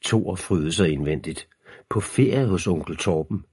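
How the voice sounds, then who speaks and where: A man reading an audiobook aloud in a measured, ominous storytelling manner. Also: low voice, expressive, a little mellow, slightly rough, no echo, clean studio sound. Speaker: narrator. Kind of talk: scripted audiobook narration.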